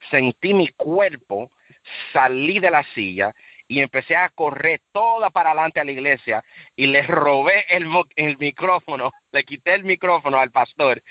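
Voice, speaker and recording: A man giving an earnest, emotional personal faith testimony, repeating himself and rising high when he relives shouting. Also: no echo, highs cut off. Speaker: guest sharing a faith testimony.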